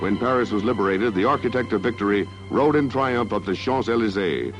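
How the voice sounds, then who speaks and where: Old newsreel guy, lowish voice, stately and grand, dull lo-fi film sound with loud music under it. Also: brisk. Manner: declamatory, stately delivery. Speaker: newsreel narrator. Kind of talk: dramatic 1960s newsreel narration.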